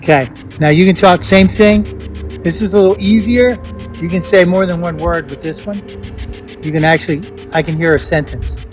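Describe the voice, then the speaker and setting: A man with a slightly raised voice, talking in a hushed, coaxing way. He hosts a ghost-hunting vlog outdoors in a cemetery at night. Faint music plays behind him. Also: high-pitched, normal speed, rough recording. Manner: hushed, coaxing, talks to spirits. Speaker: paranormal investigator host. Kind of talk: casual vlog narration.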